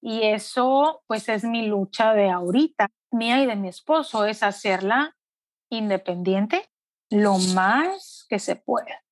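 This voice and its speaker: A middle-aged woman and mother telling her story in an earnest, reflective way, often slowing down. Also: medium pitch, animated, no room sound. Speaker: interviewee, mother. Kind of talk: emotional personal testimony.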